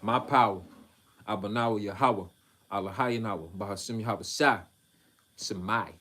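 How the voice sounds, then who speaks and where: A man reading scripture on a livestream, with casual, profane asides and halting, filler-laden commentary. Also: lowish voice, a bit bright. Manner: halting, frequent fillers and restarts. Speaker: preacher on a livestream.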